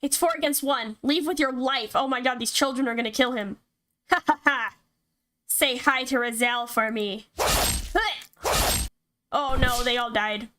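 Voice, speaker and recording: A high-pitched woman streams a visual novel, reading its text aloud while adding casual live commentary, reacting out loud and swearing offhandedly. She's unhurried and pauses often, with a sharp tone. Game music plays behind her voice, along with a little hiss or hum.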